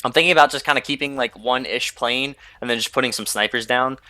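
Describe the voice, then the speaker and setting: A man's voice: mid-range voice, fast talker, bright, forceful tone, no echo. A young man hosting a gaming video, rambling casually over his gameplay and filling gaps with "like" and "you know". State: sleepy, yawning. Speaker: gaming channel host.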